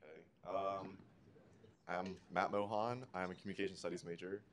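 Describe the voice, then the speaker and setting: A young man, a student, introducing himself in a flat, hesitant way. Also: sits low, normal speed, slight background noise. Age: young adult. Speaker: student committee member. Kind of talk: self-introduction.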